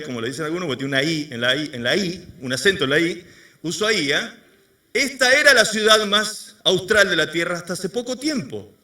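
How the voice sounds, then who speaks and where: A man preaches in a high, bright, sharp-edged voice that swings widely up and down. He keeps putting questions to the congregation as he goes. He sounds a little distant from the microphone. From Argentina. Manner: quizzes the congregation with rhetorical questions. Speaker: pastor. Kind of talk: sermon. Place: church service before a congregation.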